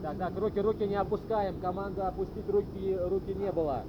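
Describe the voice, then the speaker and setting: A man's voice: sits high, steady tone, brisk. A man coaching a group workout like a gym bro, giving commanding, short, repeated cues and counts. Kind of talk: loud group workout instruction, counting and cueing. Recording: muffled, noisy outdoor recording with traffic.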